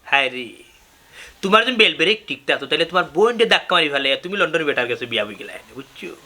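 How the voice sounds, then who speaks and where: An actor with a Sylheti accent playing an exasperated brother-in-law who lectures and scolds. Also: male voice, on the high side, expressive, fast talker, pushed and bright, full character voice. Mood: scolding. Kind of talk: comedy drama acting.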